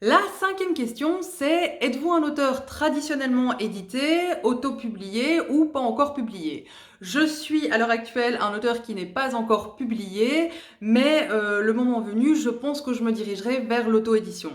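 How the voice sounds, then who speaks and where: A woman's voice: a little high, normal speed, reverberant. A woman and aspiring novelist chatting candidly as she answers a writing tag in a casual vlog.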